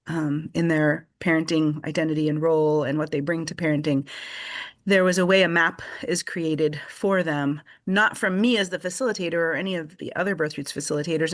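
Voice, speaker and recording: A woman and article contributor in a panel discussion over a video call, explaining her work thoughtfully with pauses and restarts. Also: sits low.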